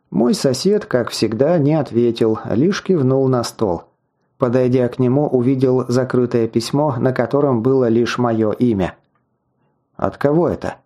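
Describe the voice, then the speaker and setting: A man narrating a fantasy novel in the first person, in an even, storytelling manner with wry asides. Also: mid-range voice. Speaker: audiobook narrator.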